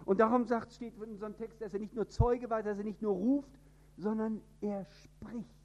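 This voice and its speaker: A man from northern Germany with a standard High German accent, preaching an emphatic sermon. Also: steady tone, a little fast, muffled recording. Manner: emphatic, with sudden rises in pitch and loudness.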